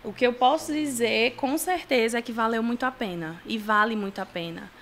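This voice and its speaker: A woman's voice: a little high, brisk, a bit bright. A woman with a Brazilian accent speaking as a parent in a personal testimonial interview. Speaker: adoptive parent. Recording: faint ambient noise.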